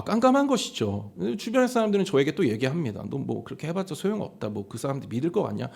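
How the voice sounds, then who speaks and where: A male pastor preaching a Sunday sermon and telling stories from his ministry. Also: gravelly. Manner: storytelling sermon with lively pitch swings.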